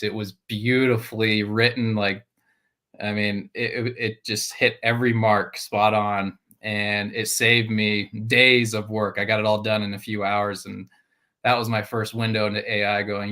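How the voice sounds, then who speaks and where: Male co-host, low-pitched and bright, casual teasing delivery. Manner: chatty, teasing, laughs easily. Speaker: podcast co-host. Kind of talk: casual live show chat.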